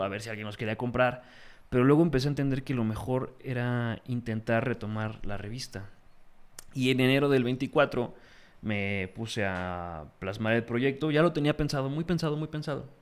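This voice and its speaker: A young man with a Mexican accent, a guest in a casual interview, telling stories in an animated, slangy way. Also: mid-range voice, clear, resonant tone. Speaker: guest, magazine founder.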